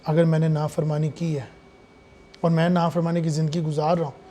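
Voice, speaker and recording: Preaching a sermon, this man alternates hushed remarks with loud, passionate passages packed with rhetorical questions. His pitch is a little high and his tone level, with a faint hiss or hum in the recording.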